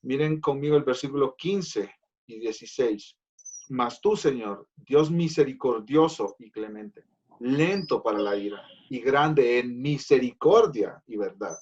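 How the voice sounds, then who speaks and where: A man's voice: mid-range voice, lively intonation, unhurried, a little mellow, husky, muffled recording. A man preaching a Bible study as pastor, earnest and repeating phrases for emphasis, addressing listeners as his brothers.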